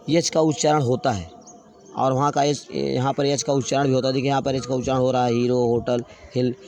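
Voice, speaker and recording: A man's voice: mid-range voice, darkish tone. Man teaching, spelling words aloud. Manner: slow, repetitive, spelling words out letter by letter. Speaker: English grammar teacher. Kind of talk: classroom grammar lesson.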